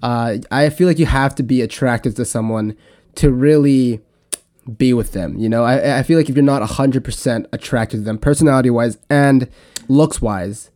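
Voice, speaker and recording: A young man hosting a casual podcast on his own, talking in a relaxed, rambling way with frequent restarts. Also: mid-range voice, moderate pace. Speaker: podcast host. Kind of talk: casual solo podcast talk.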